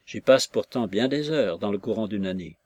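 A man's voice: on the low side, animated, normal speed, a little mellow, no room sound. A wily old junk dealer, cunning and mocking, who cackles with a knowing air, as a man reading aloud plays him. The voice sounds close and dry.

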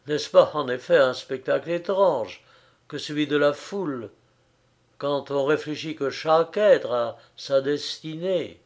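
A man narrating classic fiction in a measured, expressive audiobook reading. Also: on the high side.

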